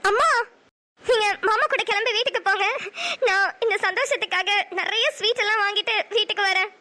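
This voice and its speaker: Woman voicing a young pregnant cartoon heroine, very high, bright, tearful, gentle. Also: steady tone, brisk. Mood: tearful joy. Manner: tearful, softly emotional. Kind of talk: cartoon voice acting.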